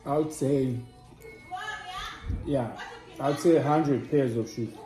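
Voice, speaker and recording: A man from Congo chatting casually over a meal, quick to tease and disbelieve. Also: mid-range voice. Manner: animated, incredulous teasing. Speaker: mukbang co-host. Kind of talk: casual chat while eating. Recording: roomy echo with music behind.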